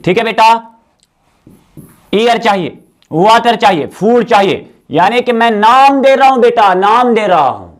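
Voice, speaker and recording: A man's voice: high voice, animated, unhurried. A man teaching an exam-prep grammar lecture, coaxing his students as he asks questions and answers them himself. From Jammu and Kashmir. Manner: calls the viewers child and dear students.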